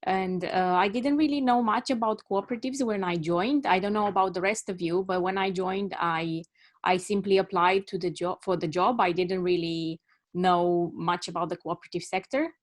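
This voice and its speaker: A woman from Romania in her thirties speaks on a video call, giving a measured talk as a journalist and often stopping to rephrase. Her voice sits low for a woman. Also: steady tone. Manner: measured, self-correcting as she goes.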